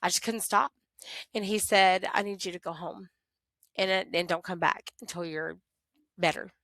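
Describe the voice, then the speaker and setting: A middle-aged woman, telling a personal story as an interview guest in animated, expressive conversation. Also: on the low side, moderate pace, dry recording, studio quality. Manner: animated, expressive, talks to herself in quoted prayers.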